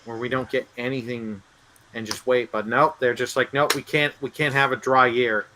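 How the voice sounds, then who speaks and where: A man co-hosting a casual gaming podcast, talking excitably with stammering restarts. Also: medium pitch, normal speed, noisy background. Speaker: podcast co-host.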